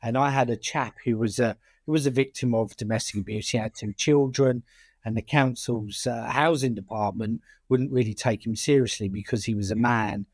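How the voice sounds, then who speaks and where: Speaking with a British working-class accent, this UK campaigner and charity chair responds conversationally in an interview, frequently restarting sentences and repeating words. His mid-range voice is slightly mellow, with fairly even intonation at normal speed, captured in a dry recording.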